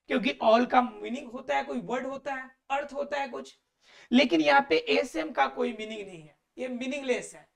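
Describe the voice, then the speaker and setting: Woman teacher, high voice with a gravelly edge, going through grammar rules one by one, keeps asking students questions. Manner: explains step by step, poses rhetorical questions and checks in with "ठीक है". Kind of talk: classroom-style recorded lesson.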